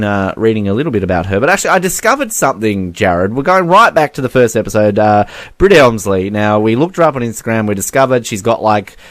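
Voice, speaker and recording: A young man chatting on a podcast, his pitch bouncing up and down as he tells a story. He laughs often and fills his talk with "like" and "um". The sound is close and dry, with no room around it. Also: no echo. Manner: animated, laughing, many fillers like "like" and "um". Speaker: podcast co-host. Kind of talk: casual chat.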